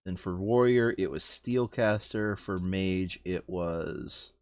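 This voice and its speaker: A deep-voiced man takes his time chatting casually while sorting cards as host of a board game video. He thinks aloud and keeps correcting himself, and the sound is lo-fi with no echo.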